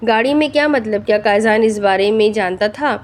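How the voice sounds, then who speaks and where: A woman's voice: mid-range voice, natural voice. A woman reading as a soothing older brother. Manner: soothing, reassuring.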